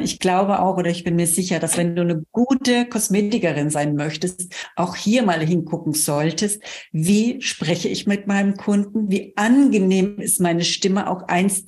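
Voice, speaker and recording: Female podcast host, slightly low voice, easy conversational chat with frequent tag questions. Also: darkish tone. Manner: chatty, often adds tag questions. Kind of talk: casual interview chat.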